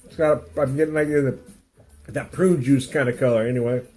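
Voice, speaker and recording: With soft background music in a room at home, a man with a cold-blocked nose rambles through a casual beer review, interrupting himself and chuckling a lot. He speaks at normal speed in a mid-range, steady, slightly mellow voice.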